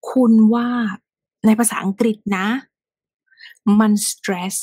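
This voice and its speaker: A woman's voice: mid-range voice, fairly even intonation, drawn-out words, mellow, slightly rough, no echo. A woman teaching English pronunciation, repeating phrases over and over, often half-whispered, and teasing her students directly.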